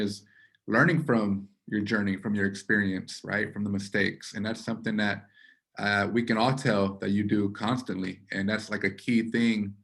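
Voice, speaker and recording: Affirming male podcast host, low voice. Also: creaky, a bit bright. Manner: affirming, encouraging, frequent backchannels. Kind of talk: podcast interview.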